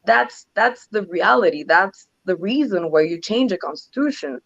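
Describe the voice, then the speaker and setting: A woman's voice: medium pitch, lively intonation, moderate pace, vocal fry, dry recording, highs cut off. A woman from Ecuador, answering interview questions earnestly and restarting her sentences often. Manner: earnest, frequent restarts and "um" fillers. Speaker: interview guest, legislative advisor.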